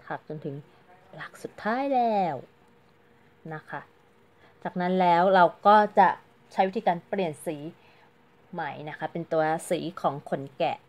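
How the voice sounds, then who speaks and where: Woman, crochet teacher, casual tutorial, polite and chatty, counts aloud, lowish pitch. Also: darkish tone. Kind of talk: casual step-by-step craft tutorial.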